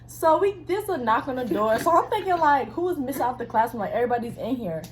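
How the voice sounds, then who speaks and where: Lively young woman chatting, faint hiss. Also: sits high, quick pace. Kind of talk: casual chat.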